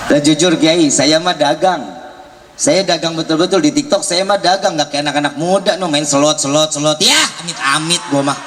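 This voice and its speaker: A man's voice: fairly high pitch, fairly even intonation, normal speed, a bit bright, long reverb tail. A man preaching to a large gathering, joking and teasing the crowd and acting out both sides of a conversation. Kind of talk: lively sermon with jokes. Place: large outdoor religious gathering.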